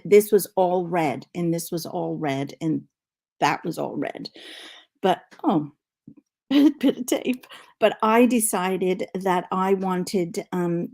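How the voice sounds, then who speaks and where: A middle-aged woman from Liverpool, England, hosts a knitting channel, chatting from home on a relaxed live stream recorded through a laptop mic. Her lowish voice carries a Canadian accent with faint Liverpool traces. She greets viewers and rambles cheerfully and excitably, full of ums, fillers, and asides.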